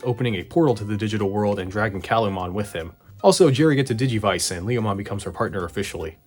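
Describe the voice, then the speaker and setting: A man narrating a casual, sarcastic video recap in a conversational way. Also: on the low side. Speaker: host of a video retrospective. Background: background music.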